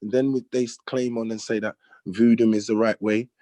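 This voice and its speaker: A man's voice: lowish voice, level tone, fairly quick, mellow, dry recording. A man hosting a heated discussion, earnest and stumbling over restarts as he argues. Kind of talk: heated debate.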